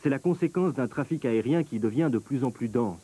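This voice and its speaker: A man narrating a documentary in a measured, scripted, explanatory way. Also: mid-range voice, lively intonation, mellow, poor audio.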